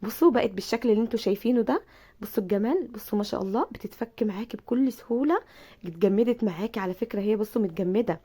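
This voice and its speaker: A woman with an Egyptian Arabic accent, hoarse from a bad cold, chatting through a cooking tutorial and speaking warmly to her viewers. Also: medium pitch, very fast. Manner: chatty, repeats herself, addresses viewers affectionately. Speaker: cooking channel host.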